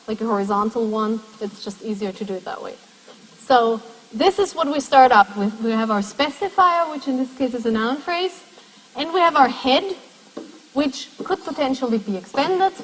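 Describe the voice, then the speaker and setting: A woman lecturer in a classroom lecture, explaining step by step and putting questions to the class. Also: fairly high pitch. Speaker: university lecturer. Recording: long echo of a lecture hall.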